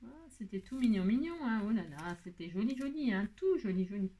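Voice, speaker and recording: A woman's voice: medium pitch, animated, brisk, dark tone. A tired woman hosting a casual crafting tutorial, chatty and self-mocking, talking straight to her viewers.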